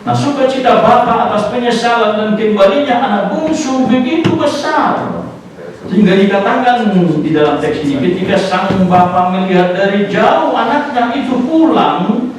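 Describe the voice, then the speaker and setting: A man preaching a sermon, rising in emphasis and slowing down on key words, sometimes slipping in English phrases. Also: high voice, expressive, heavy reverb, distant mic, slight background noise, poor audio. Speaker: pastor. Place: church sanctuary.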